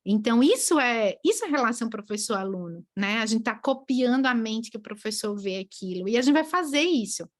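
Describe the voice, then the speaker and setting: Woman guest, animated, tag questions, higher voice, dry sound. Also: brisk, few pauses, no room sound. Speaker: guest translator. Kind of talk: online group chat.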